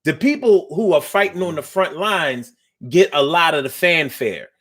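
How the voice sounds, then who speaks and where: A man's voice: a little high, lively intonation, normal speed, fairly bright tone. A man of fifty hosting a call-in talk show, speaking with passion and often repeating words as he builds his point. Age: 50s.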